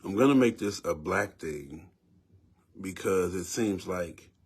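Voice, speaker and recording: A man in his fifties with a Southern US accent talks straight to his viewers in a low voice. He is emphatic and preachy, doubling back on words to drive his points home. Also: lively intonation, slow pace, husky. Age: 50s. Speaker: vlogger giving opinion. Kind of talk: casual spoken commentary.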